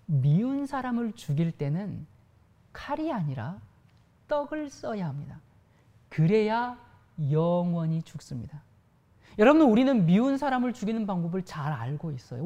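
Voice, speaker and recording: A woman's voice: medium pitch, a little mellow. A woman preacher delivering a sermon, addressing the congregation directly with rhetorical questions.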